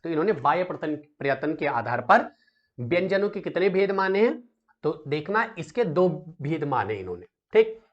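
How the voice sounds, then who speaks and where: A man teaches an exam solution lesson, putting rhetorical questions to his students and answering them at once. His voice sits a little high, and he keeps checking in with the class, calling them "beta". The recording is dull and lo-fi. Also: very animated, moderate pace.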